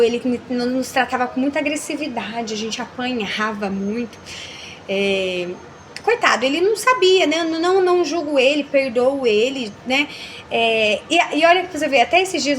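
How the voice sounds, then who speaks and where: A woman's voice: high-pitched, a little hiss or hum. A Brazilian woman talking casually as a mentor about faith and family, acting out quoted dialogue. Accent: Brazilian Portuguese. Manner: animated, acts out quoted dialogue. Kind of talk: casual faith-based chat.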